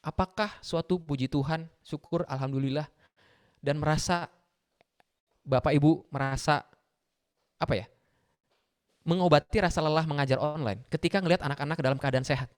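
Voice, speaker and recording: A man, giving a lively motivational talk to students, often asking them questions and mixing in English phrases. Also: a little high, normal speed, long pauses. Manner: animated, mixes English phrases, asks the audience questions. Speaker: guest speaker for school students.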